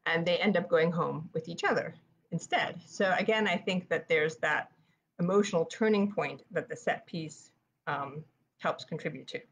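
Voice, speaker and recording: Low-voiced New York woman, author type, rapid chatty delivery for a live writing workshop. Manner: fast-talking, chatty, with frequent fillers. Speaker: author presenting writing tips. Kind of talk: live-streamed writing presentation.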